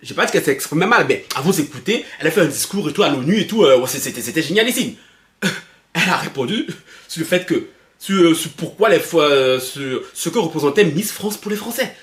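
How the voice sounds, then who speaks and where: A young man from Belgium vents in animated gossip commentary, his voice sitting high. He is excitable and mocking, laughs often and stammers through restarts. The room around him echoes noticeably. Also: a little fast. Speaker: YouTuber commenting on pop culture.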